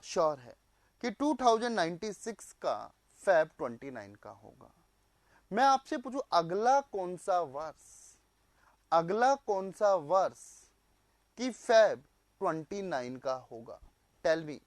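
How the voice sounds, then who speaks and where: A man's voice: sits high, dry recording. A male teacher running a live online class, quizzing students, repeating their answers back and mixing in English phrases.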